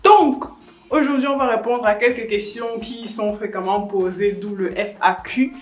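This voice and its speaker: A woman's voice: on the high side, moderate pace. A woman, chatting casually through viewer questions in a teasing, laughing way. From Cameroon. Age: 20s. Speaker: YouTuber. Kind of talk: casual vlog Q&A.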